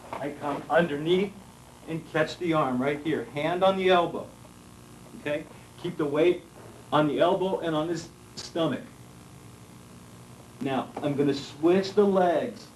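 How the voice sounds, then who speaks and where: A man instructing from a worn VHS tape copy, his voice set a little high and heard from across a roomy hall. The tape adds a faint hiss, and he is well away from the camera mic. He talks calmly, walking through each step as he demonstrates it. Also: unhurried, pauses often, recorded from a distance. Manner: calm, step-by-step explaining while demonstrating. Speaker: martial arts instructor.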